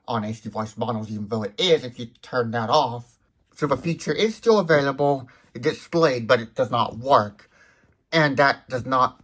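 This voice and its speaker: A tech demonstration video host walks through a hands-on product demo, explaining each feature step by step in a detailed, methodical way. He has a medium-pitched, slightly bright voice.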